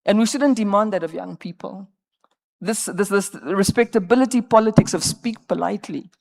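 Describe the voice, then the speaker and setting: A woman's voice: mid-range voice, normal speed, gravelly, darkish tone. A woman in her fifties speaking on a conference panel, emphatic and rallying, sometimes repeating words as she searches for the next one. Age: 50s. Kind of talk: panel discussion remarks. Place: conference stage.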